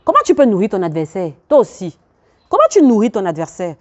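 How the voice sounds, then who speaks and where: A woman life coach speaks in an earnest, preacherly way, addressing the listener directly and driving points home by repeating them. Her voice sits at a middle pitch. The recording is somewhat dull and lo-fi. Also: sing-song, fast. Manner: laughs between points, repeats phrases for emphasis. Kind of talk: self-help video talk to camera.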